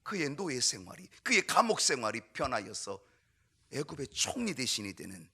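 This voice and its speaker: A male pastor preaching a sermon in a church, emphatic and swinging from loud exclamations to near whispers. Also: mid-range voice, big pitch swings, normal speed, breathy edge. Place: church sanctuary.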